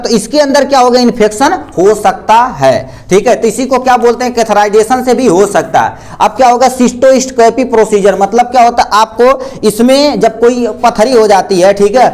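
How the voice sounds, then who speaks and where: A man's voice: extremely high pitch, a little mellow. A man teaching a pharmacy class, explaining terms with a diagram and answering his own repeated questions.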